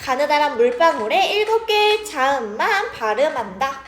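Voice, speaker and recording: Woman teacher, high voice, chatty, keeps asking students if they follow. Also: big pitch swings, moderate pace, faint music behind. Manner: chatty, checks in with students often. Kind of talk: grammar lesson to students.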